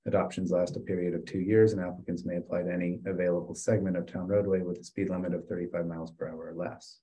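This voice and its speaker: Low, mellow-voiced man at a meeting. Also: little pitch movement, rough recording. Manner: halting, with frequent fillers. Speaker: committee member. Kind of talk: meeting discussion, reading a document aloud.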